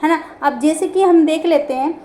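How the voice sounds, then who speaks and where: A high-voiced woman teaches a grammar lesson online, taking each point step by step by posing a question and then answering it herself. She speaks at a normal speed with a warm tone, and faint ambient noise can be heard in the room behind her.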